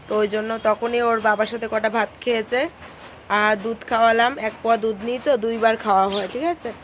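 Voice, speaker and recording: A young mother, her voice hoarse and strained, chatting homely and casually to her viewers. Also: fairly high pitch, little pitch movement, fast, slight background noise. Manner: chatty, homely, soft baby talk with her daughter. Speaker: vlogger, mother. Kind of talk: casual vlog narration to viewers.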